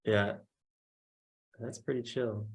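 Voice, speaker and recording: A young American man with a lowish, slow voice co-hosts a podcast, rambling through casual, animated chat packed with fillers.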